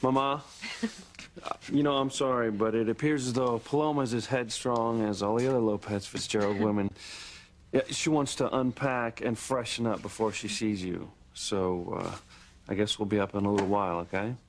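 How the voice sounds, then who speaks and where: A man's voice: lowish voice, steady tone, normal speed, close to an everyday voice. An actor playing an attentive, affectionate son in his thirties in a soap opera, casual, hesitant and reassuring. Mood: caring, flustered. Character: attentive, affectionate grown son and protective brother. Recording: clear background noise, clicks.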